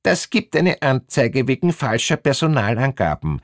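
A woman's voice: a bass voice, very animated, normal speed, no echo, studio quality, voice pushed up, heavily acted. A man voicing a relentless, bigoted female ticket inspector who rattles off questions in a clipped, accusatory way. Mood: officious.

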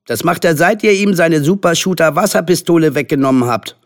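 Storybook: man putting on a high, whiny little boy, seven, quarrelsome and indignant. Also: measured pace, gravelly. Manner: indignant, complaining.

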